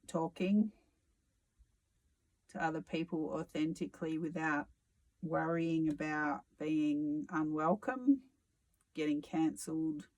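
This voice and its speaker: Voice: mid-range voice, takes it slowly, pauses often, low-quality recording. A tarot reader giving a reflective solo reading, musing aloud with sarcasm and casual swearing.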